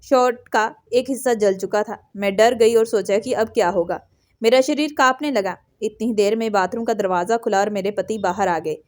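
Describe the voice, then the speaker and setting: A woman narrating a first-person emotional story in a soft, earnest, subdued way. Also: medium pitch, normal speed.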